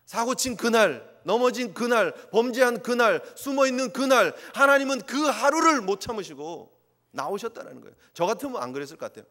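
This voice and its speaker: A man's voice: very high-pitched, lively intonation, brisk, a bit bright. A male pastor preaching an impassioned sermon, sometimes acting out quoted voices. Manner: impassioned, acts out God's voice in quotes. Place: church sanctuary. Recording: long church reverb.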